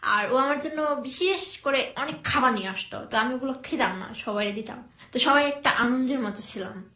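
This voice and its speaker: A young woman from Bangladesh telling her life story in an interview, speaking softly and hesitantly with many pauses and fillers. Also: high voice, echoey room. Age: young adult.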